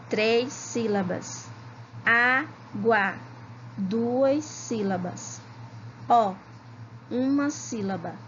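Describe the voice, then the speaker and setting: A woman from Ceará teaching a children's video lesson, calling herself "tia" and sounding out words slowly, syllable by syllable. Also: fairly high pitch, muffled recording, slight background noise. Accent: Brazilian Portuguese, Ceará. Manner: slow, syllable-by-syllable reading, calls herself "tia". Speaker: primary school teacher.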